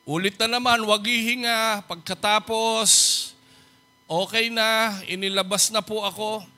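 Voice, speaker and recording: A man's voice: high-pitched, steady tone, unhurried, sharp tone. A man preaching as a pastor, telling a personal testimony in a polite storytelling manner and acting out the voices of the people in it. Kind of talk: sermon testimony.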